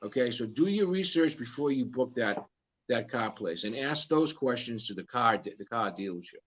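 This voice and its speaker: A man's voice: mid-range voice, animated, normal speed, fairly bright tone. Folksy guy cohosting a live stream, talks to the folks, emphatic, kinda dull lo-fi audio. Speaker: co-host of a live Q&A, nonprofit organizer. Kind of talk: casual live-stream talk.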